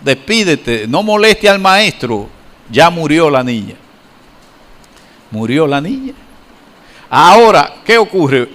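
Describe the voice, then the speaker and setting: A middle-aged man, preaching a sermon and telling a personal story in an animated way. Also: fairly high pitch, slow pace, long pauses. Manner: animated storytelling, voices the characters in his anecdote and laughs as he tells it. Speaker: pastor.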